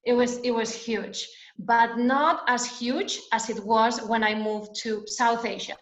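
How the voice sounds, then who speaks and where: A woman's voice: fairly high pitch, fairly even intonation, measured pace. A woman from Spain with a Spanish accent, a guest educator talking hesitantly with many fillers in an online interview. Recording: echoey, dull lo-fi call audio.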